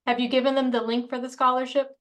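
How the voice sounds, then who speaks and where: A woman's voice: high voice, little pitch movement, quick pace, a bit bright. Upbeat woman making an announcement. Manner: upbeat, encouraging. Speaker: regional chair.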